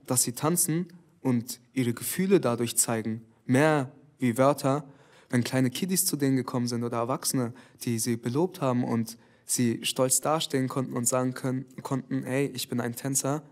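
A man who trains a dance group, talking earnestly and a little haltingly in a documentary interview. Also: mid-range voice.

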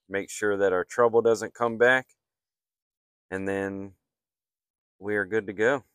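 A man talks through a repair at an unhurried, deliberate pace, plain and matter-of-fact. His voice is slightly low and clean, with a dry sound and no room echo around it. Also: a bit bright, clean tone. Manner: slow, matter-of-fact explaining while working. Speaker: HVAC technician. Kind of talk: hands-on repair walkthrough. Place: outdoors on a flat commercial rooftop.

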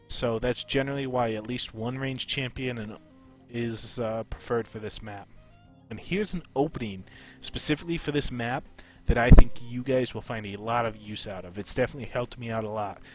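A man hosting a casual game strategy tutorial, his voice a little off after being sick. He explains in a relaxed way with frequent "uh"s. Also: mid-range voice. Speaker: gaming channel host.

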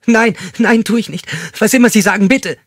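A man voicing a terrified young female student in an audiobook thriller, pleading in a high, panicky voice. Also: expressive, slow pace, fairly bright tone, slightly rough, no echo, studio quality, heavily acted. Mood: panicked.

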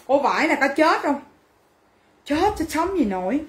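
A woman with a high, very animated voice sells clothes on a livestream at a moderate pace, her sound reverberant. Brash and teasing, she banters with viewers throughout the sales chat.

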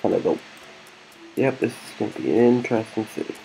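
Gravelly low-voiced man rambling over gameplay. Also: quick pace, mellow, faint music behind. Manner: rambling and hesitant, many fillers. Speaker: let's play gamer. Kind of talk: casual gameplay commentary.

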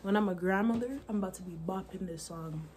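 A woman's voice: mid-range voice, fast talker, heavy background noise. A young woman vlogging on her phone in a chatty, slangy, playful way. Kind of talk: casual vlog chat. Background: music playing.

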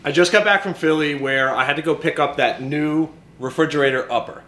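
A DIY home renovator in his thirties talks casually to a handheld camera held at arm's length, explaining his kitchen renovation step by step while he works indoors. His voice is a little high and fairly quick, with background noise.

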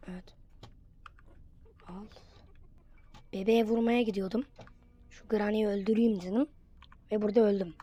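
A woman giving casual commentary while playing a horror game, excitable and quick to get frustrated. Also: mid-range voice. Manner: excitable, bursts into frustrated yelps. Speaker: gamer.

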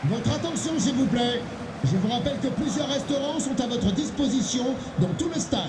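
A man playing a stadium announcer in a football game, making public-address announcements over a loudspeaker. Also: extremely high pitch, expressive, moderate pace. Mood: formal. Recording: stadium loudspeaker, very loud crowd noise.

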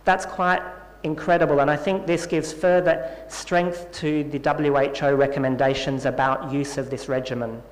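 A man giving a scientific conference talk and answering questions in a measured, explanatory way. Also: a little high, steady tone. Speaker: conference presenter. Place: conference hall. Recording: echoey conference hall with long reverb.

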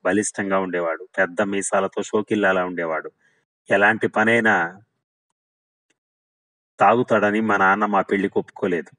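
A man's voice: fairly low pitch, a bit bright, no room sound, natural voice, low-quality recording. A man voicing an older village mother who recounts her hardships plainly and sadly. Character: village mother, older woman, weary and sorrowful.

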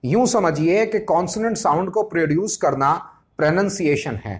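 Man, english teacher, fairly high voice, slow deliberate explaining. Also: a little hiss or hum. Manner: slows down and stretches words when explaining English terms. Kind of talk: explanatory lesson.

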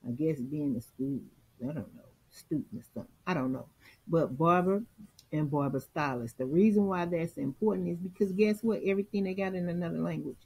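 Exasperated woman with a husky low voice. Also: dark tone, low-quality recording. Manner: exasperated, talks straight to viewers. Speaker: vlogger and salon coach. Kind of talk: casual screen-share commentary.

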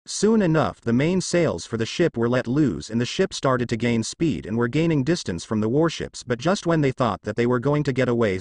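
A man narrating a fan-written story as a steady read-aloud. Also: mid-range voice, no echo. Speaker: fanfiction narrator. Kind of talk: scripted narration.

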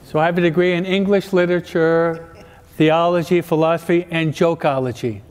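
In a large church with long, echoing reverb, a priest gives a parish talk that blends jokes with teaching. His voice is fairly high, steady in tone, and at normal speed. He's playful and keeps checking in with the audience through questions.

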